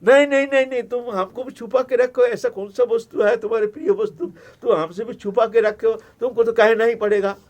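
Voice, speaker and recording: A man voicing a curious goddess wife who keeps pressing her husband with questions, in a raised pitch. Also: animated, normal speed. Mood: insistent.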